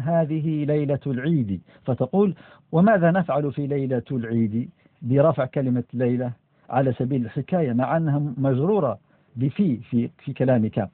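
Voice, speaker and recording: A man teaching Arabic grammar from a classical book, explaining in a measured way with frequent "aah" fillers and self-corrections. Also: a little high, dry recording. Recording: dry, tinny phone-like sound.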